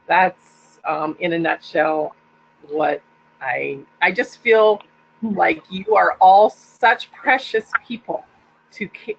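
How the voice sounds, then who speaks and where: A woman's voice: lowish voice, creaky. An older woman sharing an emotional message with her team, tender and pleading. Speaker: guest speaker on a team call. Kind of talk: heartfelt personal sharing. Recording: dull lo-fi line with faint hum.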